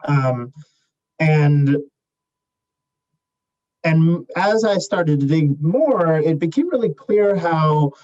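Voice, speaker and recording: A young adult man from Chile, a startup CEO answering interview questions in a measured way, with many fillers and restarts. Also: a little high, expressive, darkish tone, muffled recording.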